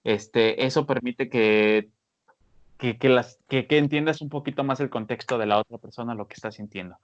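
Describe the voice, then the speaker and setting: Animated man, lo-fi podcast. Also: medium pitch, moderate pace. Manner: animated, many fillers, acts out scolding voices. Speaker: podcast panelist. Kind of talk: casual podcast advice talk. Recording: dull lo-fi sound.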